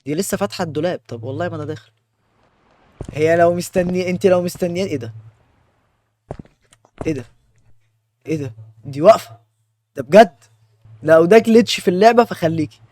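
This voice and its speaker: A young man with an Egyptian Arabic accent giving jokey let's-play commentary on a horror game, swinging from muttering to panicked yelling. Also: high-pitched, fast talker, pauses often. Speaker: gaming YouTuber.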